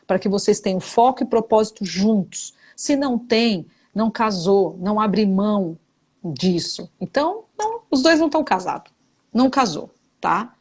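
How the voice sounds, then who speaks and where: A woman's voice: medium pitch, lively intonation, moderate pace, breathy edge. A middle-aged woman, a psychologist, giving blunt, emphatic relationship advice in a live talk, repeating her key points with religious framing. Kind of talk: live advice talk answering viewer questions.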